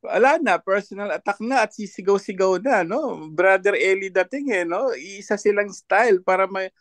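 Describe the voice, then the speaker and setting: A man's voice: sits high, moderate pace, dry recording. A man commenting as a panelist in an online discussion, mocking and laughing often between his points.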